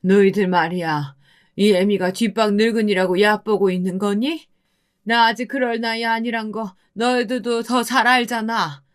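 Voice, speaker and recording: A woman's voice: mid-range voice, fairly even intonation, normal speed, voice pushed up, close to an everyday voice. A woman voicing a weary mother in her sixties who pleads and scolds. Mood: tearful scolding. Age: 60s.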